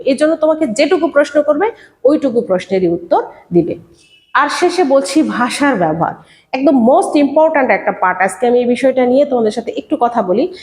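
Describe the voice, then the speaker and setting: A woman teacher giving an exam-preparation lesson, explaining patiently and speaking directly to her students, sometimes slowing down to sound out words. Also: high voice, a little mellow. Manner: demonstrates pronunciation slowly, word by word. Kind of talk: online exam-prep lesson. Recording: echoey room with long reverb.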